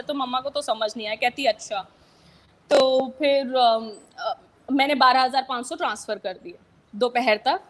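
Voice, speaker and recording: A young woman recounting in a casual interview how she was cheated, animated and switching between two languages. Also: sits high. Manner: animated, mixes English into Hindi, acts out quoted callers.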